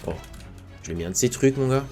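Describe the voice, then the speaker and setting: A man's voice: mid-range voice, lively intonation, fast, dark tone, faint music behind. A young man casually commenting while he plays a video game, rambling with lots of fillers and gamer slang as an esports team's content creator.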